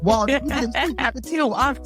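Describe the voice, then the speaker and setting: A London woman co-hosting a podcast chats casually in a high-sitting voice at a fairly quick clip, with soft music playing behind her. She exclaims often and works through her points in long, run-on turns.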